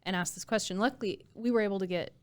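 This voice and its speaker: An American woman with a medium-pitched voice talks fast in a clean tone. She's an emergency dispatch supervisor and trainer appearing as a podcast guest, speaking casually and earnestly in the interview, with admiration.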